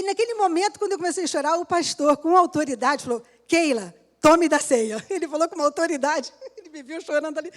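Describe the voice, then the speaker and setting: A middle-aged woman pastor preaching a sermon in church, telling a personal testimony and laughing often as she talks to the congregation. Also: extremely high pitch.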